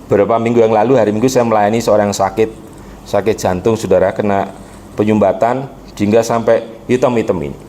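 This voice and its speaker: A man preaching a sermon, calling out to the congregation and swinging between quiet storytelling and impassioned exhortation. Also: fairly low pitch, fairly even intonation, quick pace, slight background noise. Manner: addresses the congregation directly. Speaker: pastor.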